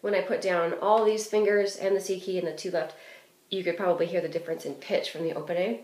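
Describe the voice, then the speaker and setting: A woman's voice: on the low side, fairly even intonation, quick pace, music in the background. A woman giving a clarinet lesson, explaining phrasing and fingerings in a practical way with frequent fillers. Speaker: clarinet teacher. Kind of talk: instructional music lesson. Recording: roomy echo.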